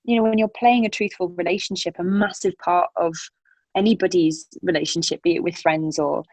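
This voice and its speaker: Brisk and fairly low-pitched, this twenties-aged actor chats casually as a podcast interview guest, laughing frequently in her animated talk. Her accent blends British with traces of Northern Irish, Scottish and Manchester speech. There's no room sound, though the audio quality is poor.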